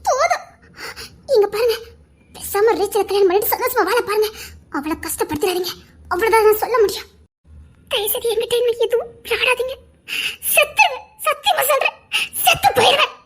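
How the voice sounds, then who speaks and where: A woman voicing young village women in an animated Tamil love story, talking in a quick, sharp way. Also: extremely high pitch. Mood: tearful. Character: young village women, the heroine and her friend.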